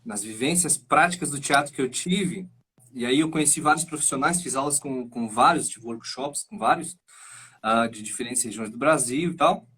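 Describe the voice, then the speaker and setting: A man who acts and teaches singing, explaining his ideas in an animated, thinking-aloud way as a guest on a live stream over a video call. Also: mid-range voice, moderate pace, breathy edge. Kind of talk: casual chat.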